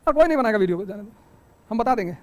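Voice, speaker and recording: A middle-aged man teaching a coaching class, giving an animated motivational talk full of rhetorical questions and joking asides. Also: high-pitched, racing.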